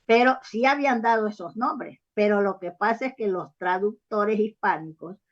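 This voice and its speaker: A woman's voice: medium pitch, normal speed. Woman guest rambling on and on, keeps going "you know?", muffled lo-fi sound. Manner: rambling, often checks in with "¿sabes?" and "¿ah?"; frequent false starts and hesitations. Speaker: author interviewed as guest. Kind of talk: long explanatory interview answers. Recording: dull lo-fi recording.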